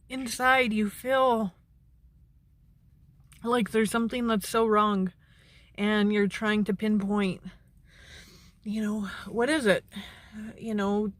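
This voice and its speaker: A woman sounding anxious and shaken, speaking haltingly and earnestly to camera in a personal vlog. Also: mid-range voice, fairly bright tone. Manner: halting, earnest, with long pauses. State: anxious, shaken during a panic attack. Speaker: mental health vlogger. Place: outdoors beside a parked car.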